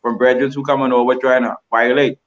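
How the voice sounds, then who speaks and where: A man's voice: medium pitch, level tone, brisk, highs cut off. A Bahamian man giving a livestream interview, rambling and repeating himself with lots of "you know". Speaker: guest.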